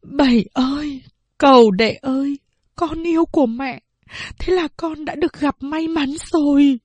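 A woman's voice: sits high, a little slow, a little mellow, breathy edge, no room sound, voice pushed up. A woman doing a humble, tearful old mother. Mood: pleading. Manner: humble and pleading.

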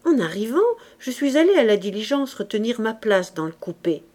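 A woman voicing a breezy young army lieutenant in an audiobook reading, answering in brisk, jaunty lines. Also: on the high side, sing-song, darkish tone.

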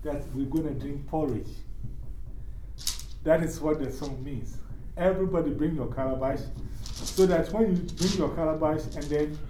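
A man's voice: fairly high pitch, fairly even intonation, a little slow, warm tone. Ghanaian man teaching a song. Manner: laughs often, patient explaining. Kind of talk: call-and-response song lesson. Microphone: far from the mic. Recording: echoey room, from far off, noisy.

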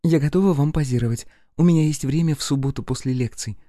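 A man's voice: on the high side, quick pace, dark tone, no room sound, pitched above the performer's own voice, natural voice. Man putting on a chirping young lady from a storybook, raised sweet voice, dry close sound. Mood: coy. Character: sweet, coquettish vengeful young woman.

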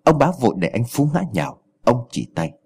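A man's voice: medium pitch, big pitch swings, a little fast, a little mellow, breathy edge. A man narrating a scripted horror story in a grave, somber way.

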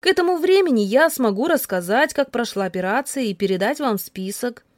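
A middle-aged woman doctor speaks on the phone in a brisk, reassuring manner, voiced by a woman reading a story. Her voice sits fairly high. The recording is close and dry, with no room sound. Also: lively intonation, no room sound, close to an everyday voice.

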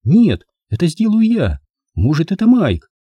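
A man reading an audiobook, voicing a frightened, tearful young woman who pleads in a high-strung way. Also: huge pitch swings, measured pace, mellow, slightly rough, no echo, heavily acted. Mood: alarmed. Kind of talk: audiobook character voice.

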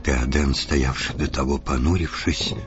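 A man narrating an audiobook in a measured, even storytelling manner. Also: extremely low pitch. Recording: dull lo-fi audiobook with faint music.

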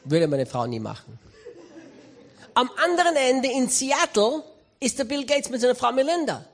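A preacher delivering a sermon as a humorous, animated story, slipping into the voices of his characters. His pitch rises and falls widely, and he drives home each point with playful emphasis. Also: moderate pace. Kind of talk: sermon with acted anecdote.

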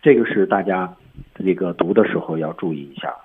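A male English teacher with a husky voice, patiently explaining words in a radio lesson over a tinny phone-like line. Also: low voice, fairly quick.

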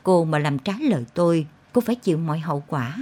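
A man's voice: fairly high pitch, expressive, fast talker, darkish tone. A woman narrator voicing a desperate, manipulative man who threatens and begs, in an audiobook. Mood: threatening.

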